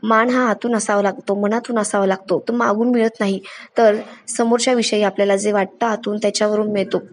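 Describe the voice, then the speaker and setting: A woman narrating as a calm, thoughtful young wife in a retold family serial, explaining her view earnestly. Her voice stays mid-pitched. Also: fairly quick, slight background noise, natural voice. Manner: calm, reasoning.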